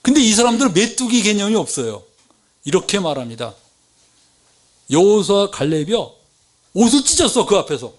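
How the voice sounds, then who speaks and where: A man's voice: normal speed, pauses often. A man preaching a Sunday sermon in a church, telling stories, putting questions to the congregation and acting out quoted speech. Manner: lively storytelling, asks the congregation questions; acts out quoted Bible speech with big pitch swings. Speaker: lay preacher.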